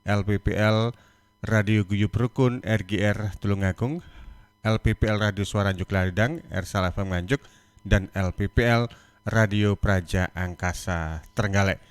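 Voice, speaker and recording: A man's voice: lowish voice, unhurried, clean tone, no echo. A man hosting a radio talk show in a friendly, chatty way. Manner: friendly, chatty, laughs between lines. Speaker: radio host.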